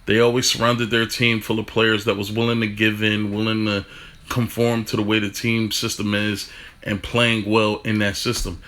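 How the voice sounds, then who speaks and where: A man talking fast in a casual football rant, stumbling over restarts and swearing casually. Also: fairly low pitch, level tone, sharp tone. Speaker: football fan commentator.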